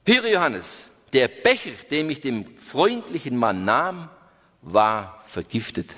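A man voicing a solemn male angel who travels in disguise as a companion, speaking slowly and low in a reverberant hall. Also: fairly bright tone, exaggerated voice. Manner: slow, low, stern.

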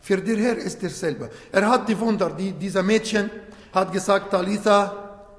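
A man preaching a sermon in a slow, halting way, often restarting phrases and searching for words, with earnest emphasis. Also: high-pitched. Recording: echoey hall with long reverb.

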